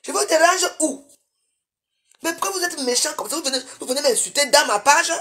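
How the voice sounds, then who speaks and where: A woman, livestreaming from her bedroom on a phone and scolding her viewers, swinging between loud outbursts and low mutters. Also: animated, a little fast. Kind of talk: live video rant at viewers.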